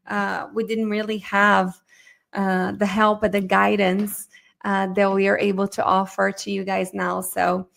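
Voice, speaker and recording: Chatty and lively, a middle-aged woman from Brazil teaches an informal live online class, talking right to the people watching. She speaks Portuguese natively, hosts the webinar as course instructor, and has a medium-pitched voice with vocal fry.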